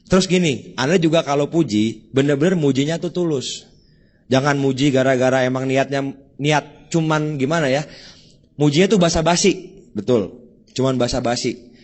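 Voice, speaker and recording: A man's voice: mid-range voice, moderate pace. A man giving a casual sales training talk who addresses his listeners directly and acts out short sample conversations. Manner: chatty, acts out sample dialogues. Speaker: network marketing trainer.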